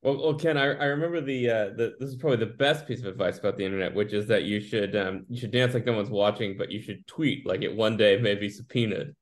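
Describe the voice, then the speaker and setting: A man's voice: lowish voice, steady tone, quick pace, few pauses. A man co-hosting a podcast who asks rambling questions, corrects himself as he goes, and slips in jokes, recorded over a video call. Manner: rambling, self-correcting, joking. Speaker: podcast co-host. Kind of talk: casual interview chat.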